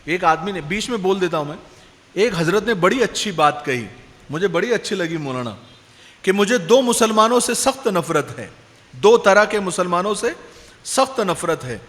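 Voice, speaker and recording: A male preacher tells a moral story from the pulpit, pausing to quiz his listeners. His voice is high and rings out with a long hall reverb. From Pune, India. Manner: lively storytelling, quizzing the audience. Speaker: Islamic preacher. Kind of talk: storytelling sermon.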